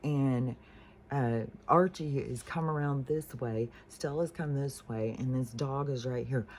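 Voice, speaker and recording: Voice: mid-range voice, unhurried, a little mellow, slight background noise. A vlogger telling a story in a casual, profane, rambling way while venting.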